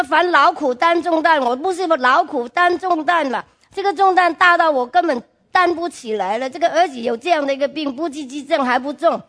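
Her voice is high and fairly bright as she gives a church testimony. Speaking earnestly and with emphasis, she frequently asks the congregation direct questions and mixes in English words.

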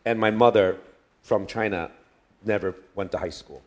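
A man giving a sermon as a guest preacher, speaking in short phrases and pausing for an interpreter. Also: on the low side. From United States. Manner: short phrases with pauses for translation. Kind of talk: sermon delivered through an interpreter.

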